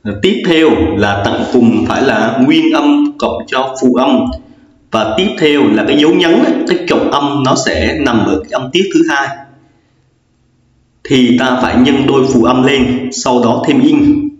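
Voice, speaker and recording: A man's voice: medium pitch, unhurried. A man teaching an English grammar lesson, explaining patiently and repeating each rule with frequent fillers. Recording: echoey lo-fi room recording.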